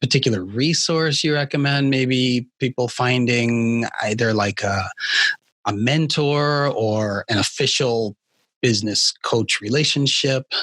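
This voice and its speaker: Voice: medium pitch, measured pace, fairly bright tone, no room sound. A podcast host who asks brief questions and backs the guest with short acknowledgements. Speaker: interview host. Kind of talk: podcast interview.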